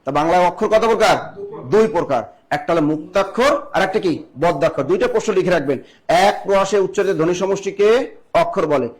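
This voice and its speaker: Fast, high-voiced Bangladeshi teacher drilling. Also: male voice. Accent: Bangladeshi Bengali. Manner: drills by asking questions and answering them himself, repeats key lines. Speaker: exam-prep teacher. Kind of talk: online class lecture.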